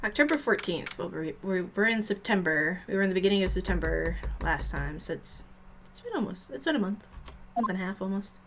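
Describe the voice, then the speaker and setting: A woman's voice: animated, a bit bright, a little hiss or hum. A woman in her late twenties making chatty asides while playing through a game. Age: late 20s. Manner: chatty asides, quick and lowered. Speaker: streamer. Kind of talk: casual game playthrough. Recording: clear music behind.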